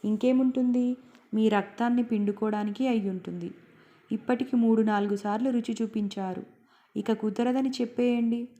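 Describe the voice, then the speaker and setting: A woman voicing a sharp-tongued, anxious middle-aged wife who nags and mocks her husband in a storybook reading. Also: a little high, fairly even intonation, moderate pace, close to an everyday voice. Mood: angry scolding. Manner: sarcastic, nagging.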